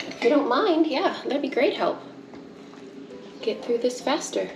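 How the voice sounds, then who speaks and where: Talking casually through a kitchen cooking project, this young woman vlogger is chatty, quick to laugh, and coughs when the pepper fumes hit. She has a high-pitched voice with lively intonation and a measured pace, recorded by a wide counter camera amid kitchen echo and background noise.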